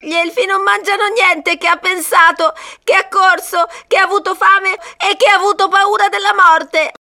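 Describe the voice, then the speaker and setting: A woman's voice: high voice, big pitch swings, slow pace, fairly bright tone, no echo, studio quality, full character voice. A woman voicing a small, innocent male elf child who speaks in broken, childish grammar. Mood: horrified. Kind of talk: audiobook character reading.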